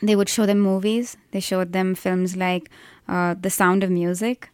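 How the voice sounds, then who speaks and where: A woman with an Indian accent speaks in a smooth, clear voice at a middling pitch. She explains things thoughtfully as an interview guest, often restarting sentences. The sound is close and dry. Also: little pitch movement, a little slow, darkish tone, no room sound. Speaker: interview guest, researcher of call centers. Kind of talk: conversational interview.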